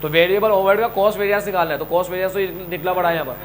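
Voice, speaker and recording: A middle-aged man with an Indian accent teaching a coaching class, animated, scolding and joking with his students. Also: sits high, rapid-fire, a crowd in the background, poor audio. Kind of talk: classroom lecture.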